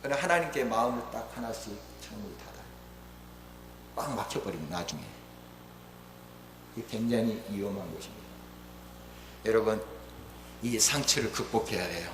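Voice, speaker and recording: A male pastor preaching a sermon, passionately, rising to forceful exhortation and dropping to hushed pleading. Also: expressive, normal speed, pauses often. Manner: impassioned, swinging between raised exhortation and hushed pleading. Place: church sanctuary. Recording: echoey hall with low hum.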